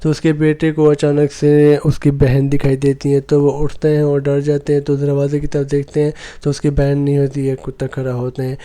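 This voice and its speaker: A man retelling a film's story in a steady recap voice. His pitch sits fairly high but barely moves, and his tone is dark and mellow throughout. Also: few pauses, smooth. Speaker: movie recap narrator. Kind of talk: retelling a film plot.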